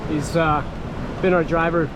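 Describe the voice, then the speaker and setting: A man's voice: on the high side, steady tone, measured pace. A man doing a casual travel interview, asking simple, direct questions and echoing answers back. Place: busy market and street. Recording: noisy outdoor market, crowd and music.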